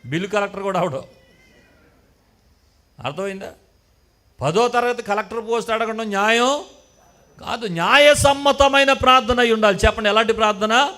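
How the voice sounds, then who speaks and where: Pastor, male, high-pitched voice, emphatic call-and-response preaching. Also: moderate pace, long pauses, bright, forceful tone. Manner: call-and-response preaching, mimics prayers, rising emphatic bursts. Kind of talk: sermon.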